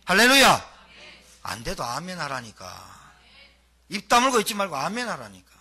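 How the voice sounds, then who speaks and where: A middle-aged male pastor preaches with a bright, sharp edge to his husky voice. His pitch leaps around as he fires rhetorical questions. He swings from loud emphatic lines to hushed asides. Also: wildly swooping pitch, moderate pace. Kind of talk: sermon.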